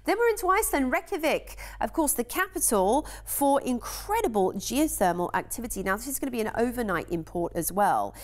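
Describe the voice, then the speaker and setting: A woman's voice: on the high side, sing-song, fairly quick, few pauses. A woman with an English accent presenting cruise deals on a shopping channel, chatty and enthusiastic with frequent ums.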